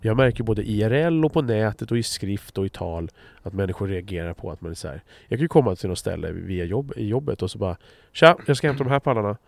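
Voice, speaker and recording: A man's voice: fairly low pitch, animated, gravelly, hardly any pauses, a little mellow, no room sound. A blunt, direct man from Sweden in casual conversation, swearing freely and often restarting his sentences.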